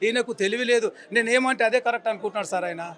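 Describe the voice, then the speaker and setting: Angry telangana guy in his 40s, high voice, rattling off complaints super fast. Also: pushed and bright. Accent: Telangana Telugu. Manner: angry, emphatic ranting with repeated insults. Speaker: member of the public interviewed. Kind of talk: street interview.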